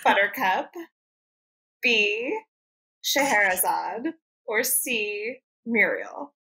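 Bright-voiced woman hosting a playful quiz. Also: mid-range voice, expressive, vocal fry, breathy edge, rough recording. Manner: playful, laughs often, quick asides. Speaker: podcast host and producer. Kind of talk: casual quiz chat.

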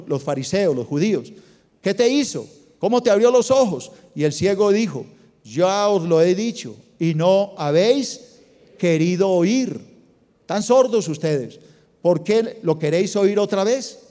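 A man's voice: sits high, dark tone. A man with a Colombian accent, a pastor preaching a sermon and putting rhetorical questions to his congregation. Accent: Colombian Spanish. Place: large church auditorium. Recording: long hall reverb.

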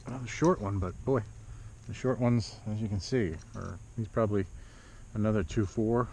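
A middle-aged man, a kayak angler who hosts videos, talks at normal speed in a voice on the low side. He keeps up a casual commentary of short, plain phrases while fishing from a kayak on a lake, recorded by a body- or kayak-mounted action camera with muffled, dull audio and loud outdoor noise.

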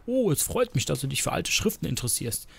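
A man's voice: a little high, big pitch swings, fast talker, gravelly, voice pushed up, exaggerated voice. A man voicing a stern, protective old woman elder from a game, reading her lines in a lecturing, firm tone. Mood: advising.

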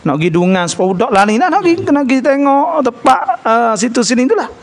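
Man, Kelantan Malay accent, high voice, religious storytelling, acts out voices, clears throat often. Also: quick pace. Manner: animated storyteller, acts out dialogue. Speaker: religious lecturer.

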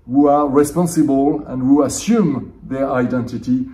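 French-accented man, middle-aged, seminary dean in an interview, thoughtful, warm dark tone. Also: medium pitch, fairly even intonation, moderate pace, recorded from a distance. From France. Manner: thoughtful, restarts phrases, gestures a lot. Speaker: theology professor and seminary dean. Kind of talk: conference interview. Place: indoor conference room.

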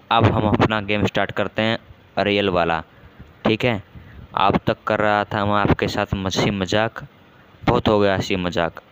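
Excitable man commentating a shooter game. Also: lowish voice, smooth. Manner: excitable, self-mocking banter with repeated exclamations. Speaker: gaming channel host. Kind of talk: casual live game commentary.

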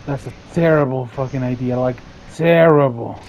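A man bantering during a game, loud and excitable, cursing often and switching between English and Spanish. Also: medium pitch, moderate pace, slight background noise, rough recording. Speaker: gaming streamer. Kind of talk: casual gaming banter.

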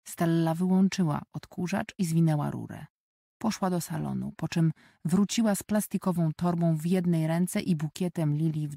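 Gravelly, mellow woman narrating an audiobook. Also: low-pitched, no echo, studio quality. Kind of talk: scripted narration.

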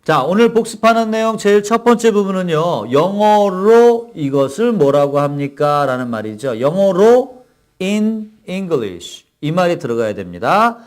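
A man teaching English phrases to Korean learners, explaining in Korean and modeling each phrase slowly and clearly for repetition. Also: high-pitched, sing-song, soft background music. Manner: slow, carefully enunciated English model phrases between brisk explanations. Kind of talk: language lesson with repeat-after-me drills.

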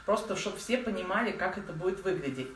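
Speaking fast with lively intonation and a fairly low pitch, this woman in her forties coaches beginners through breathing in an informal, chatty way, full of affectionate diminutives. The recording comes from a phone or camera a short distance away in her living room indoors, leaving an echoey room sound and faint noise.

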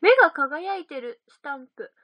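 A woman's voice: high voice, animated, normal speed, muffled recording, a little hiss or hum. A young woman chatting casually on a livestream, reading out viewer comments and giggling often. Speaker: idol livestream host.

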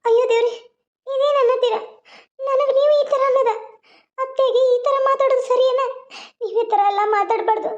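A woman's voice: very high-pitched, fairly even intonation, a little fast, long pauses, highs cut off, voice pushed up. [name], a woman doing a wronged young bride. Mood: complaining. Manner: complaining, pleading.

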